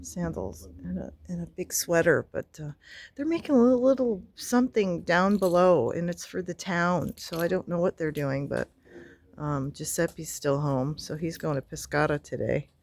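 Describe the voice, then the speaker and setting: Lady vlogging on her phone, chatty, squeals when she's excited, indoors and out. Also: fairly low pitch, moderate pace. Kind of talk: casual vlog chat. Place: apartment and street in an Italian village, in and out of doors.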